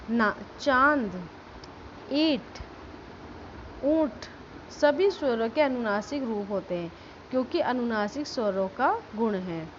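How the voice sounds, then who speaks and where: A woman school teacher explaining a grammar lesson step by step, stressing example words slowly and checking that students follow. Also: on the high side, a little mellow, lo-fi sound, slight background noise. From India.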